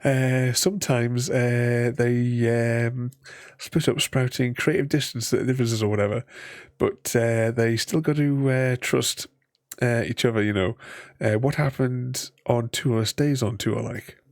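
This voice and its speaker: A man giving casual game commentary and reading dialogue aloud in a halting, hesitant way. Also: mid-range voice, fairly even intonation, no echo, clean studio sound. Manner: chuckles often. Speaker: game streamer.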